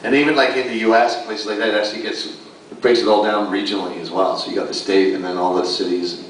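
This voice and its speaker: A man's voice: on the low side, steady tone, fast talker, slight background noise. A man on a convention panel, talking casually in a rambling way with many likes and restarts. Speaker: voice actor panelist. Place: large convention hall. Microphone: far audience camera. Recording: echoey hall recorded from far off.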